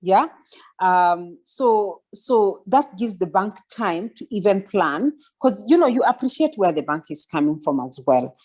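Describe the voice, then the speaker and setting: In her forties, a woman with a mid-range, somewhat dark voice gives a reflective mentoring talk as a guest speaker over a video call. She sounds animated yet unhurried, with lots of fillers and restarts, and she asks listeners to follow along.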